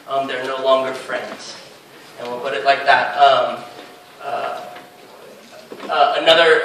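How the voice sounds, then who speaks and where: Man, comic writer, bright forceful voice, rambling with fillers, distant mic in echoey convention hall. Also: on the high side. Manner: enthusiastic, rambling with many fillers and restarts. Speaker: comic book writer on a panel. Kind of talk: casual panel talk. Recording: echoey hall, speaker far from mic, faint noise.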